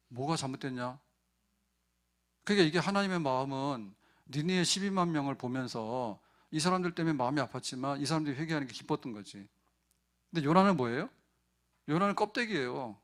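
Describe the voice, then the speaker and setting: A man preaching a midweek church sermon in a conversational way, asking the congregation questions and briefly acting out quoted prayers. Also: mid-range voice. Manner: acts out short quoted prayers and complaints. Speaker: pastor.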